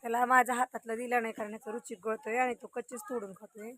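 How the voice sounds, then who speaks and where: A woman's voice: on the high side, little pitch movement, quick pace, a bit bright. A young woman vlogging outdoors on a farm, chatting straight to viewers as she walks with a handheld phone. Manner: chatty, talks straight to viewers while walking. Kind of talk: casual vlog walkthrough. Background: faint wind and outdoor noise.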